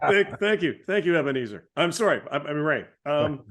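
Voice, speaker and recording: A man's voice: a little high, lively intonation, brisk, a bit bright. A male podcast host asking questions in a playful, joking way during a casual interview.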